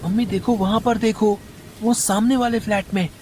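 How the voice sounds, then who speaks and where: A woman voicing a scared, insistent little boy in an animated horror story, pleading and jumpy. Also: mid-range voice, normal speed, a little hiss or hum, lightly acted. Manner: pleading, frightened outbursts.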